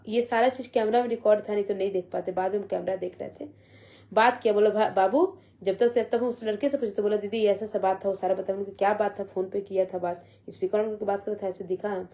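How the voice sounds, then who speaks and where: Young woman softly retelling a loss. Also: fairly high pitch. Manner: soft, halting retelling with many quoted voices. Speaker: vlogger. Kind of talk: emotional personal storytelling.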